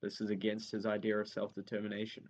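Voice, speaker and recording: Low-voiced man repeating revision notes aloud. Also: monotone, fast, a little mellow, muffled recording. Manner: thinks aloud with many ums, repeats key points as he writes them down. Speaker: history revision tutor. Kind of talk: unscripted revision lesson while writing notes.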